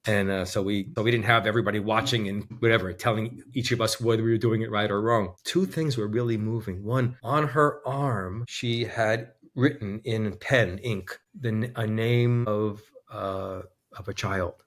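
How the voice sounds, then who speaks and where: A man guest in an interview, speaking earnestly and with deep feeling, close to tears at times. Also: normal speed, few pauses. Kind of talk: emotional conversation.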